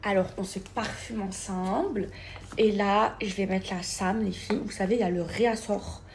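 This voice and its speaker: This thirty-something woman vlogs while mostly on the go, going from indoors to her car and then the shops, chatting with followers and calling out to them often. Her voice is mid-range, a little mellow, and fairly even, at normal speed, with slight hiss or hum.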